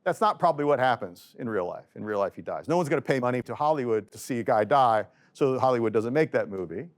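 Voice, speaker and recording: A middle-aged man, an economics professor, giving a classroom lecture in a lively, joking storytelling manner. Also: mid-range voice, quick pace. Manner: lively, joking storyteller voicing quoted arguments.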